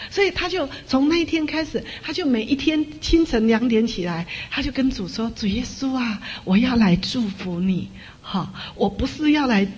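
A woman preaching a sermon, telling a story with fervor and often pausing on a short filler word between phrases. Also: fairly high pitch, husky. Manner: fervent, voice rising to loud impassioned cries when quoting prayers. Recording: muffled, with long hall reverb.

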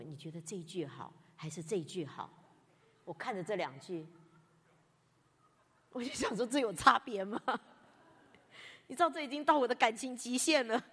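A woman's voice: medium pitch, fairly bright tone. A woman pastor preaching a sermon, telling candid, self-mocking stories from her own life. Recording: long reverb, as in a hall.

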